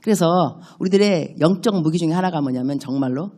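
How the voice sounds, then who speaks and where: Animated woman preaching a revival sermon. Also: on the low side, a little fast. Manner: animated, acts out sample prayers and quotes in shifting voices; chatty and direct with the congregation. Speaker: missionary preacher. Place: church revival meeting.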